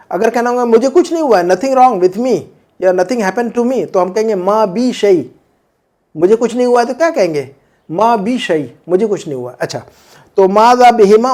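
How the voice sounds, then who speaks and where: A man teaching an Arabic grammar lesson, repeating word forms slowly and checking in with listeners as he explains. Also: high voice, a little mellow. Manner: frequent "hai na" checks with listeners.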